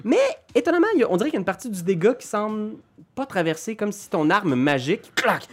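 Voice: medium pitch, expressive, fast. A game master with a Quebec French accent, narrating a tabletop game in a playful way, laughing often and making sound effects.

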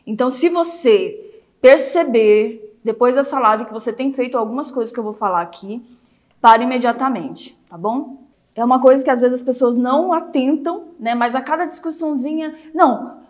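A young woman from Brazil teaching a live online class as a marriage coach, emphatic and repetitive, often ending with tag questions. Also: high-pitched.

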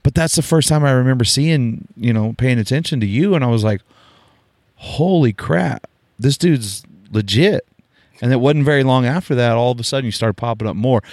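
A man's voice: medium pitch, quick pace, hardly any pauses, darkish tone, dry recording, studio quality. A man hosting an interview, asking earnest, probing questions and often restarting his sentences. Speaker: interviewer, broadcaster. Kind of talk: conversational interview.

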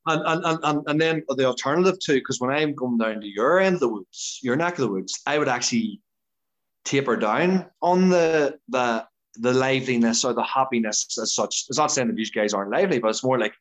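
Mid-pitched Irish man, chatty and emphatic. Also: brisk, a bit bright. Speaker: podcast guest, competitive dancer. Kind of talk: casual conversational interview.

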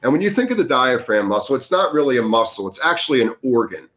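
A man's voice: medium pitch, very animated, fast talker, a bit bright. A man speaking earnestly in a casual podcast conversation, coaching listeners on breathing, sometimes growing emphatic. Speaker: breathwork guest.

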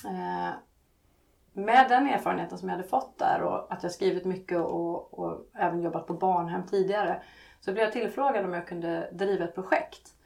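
A woman's voice: lowish voice, gravelly, a little mellow. A woman author, a guest on a podcast, answering questions hesitantly with many fillers.

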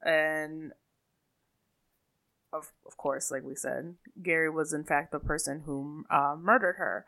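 A woman with a Caribbean accent chats through a true-crime story in a casual, hesitant way. Her voice sits a little low, and she often stops to correct herself. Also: fairly even intonation, slow, gravelly, pushed and bright. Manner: chatty, hesitant, self-correcting. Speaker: podcast co-host.

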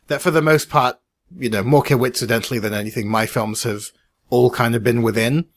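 A man with a middle-pitched voice, talking over his filmmaking experience in a relaxed podcast chat. He speaks in a measured, reflective manner, and his sentences often fade off quietly at the end. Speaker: podcast co-host, independent filmmaker. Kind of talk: casual chat.

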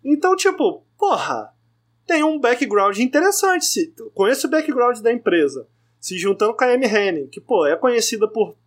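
A man's voice: extremely high pitch, big pitch swings, moderate pace. A Brazilian Portuguese man chats as a podcast co-host. He is opinionated and emphatic, talking casually with plenty of slang and the odd swear word.

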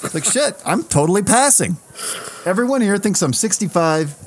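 A man's voice: high voice, very animated, normal speed. A man co-hosting a casual podcast, telling a self-mocking story and swearing loosely as he talks. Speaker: podcast co-host. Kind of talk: casual chat.

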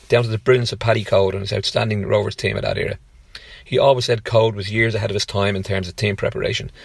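A man in his fifties with an Irish accent, reading a personal tribute to his late father in a measured storytelling manner. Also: fairly low pitch, vocal fry, no echo. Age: 50s. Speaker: contributor reading a memoir.

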